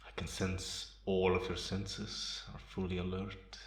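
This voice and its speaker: In an ASMR roleplay, a man voices a calm, amused vampire who was once human, giving a slow, intimate monologue. He speaks very low with a gravelly creak, staying in a narrow, even range as he taunts deliberately and chuckles softly. The mood is quietly menacing, and the sound is roomy and echoing.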